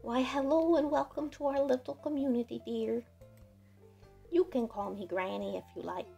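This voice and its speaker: A woman's voice: high voice, fairly even intonation, normal speed, vocal fry, mellow, breathy edge, faint music behind, pitched above the performer's own voice, heavily acted. A woman voicing a kindly, welcoming elderly granny from a video game.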